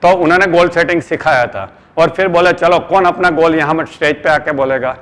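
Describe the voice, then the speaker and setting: A man's voice: a little high, a little fast, a bit bright. A middle-aged man with an Indian accent, an earnest trainer giving a motivational seminar talk who calls his listeners friends. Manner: earnest, addresses listeners as friends, mixes English phrases. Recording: long hall reverb.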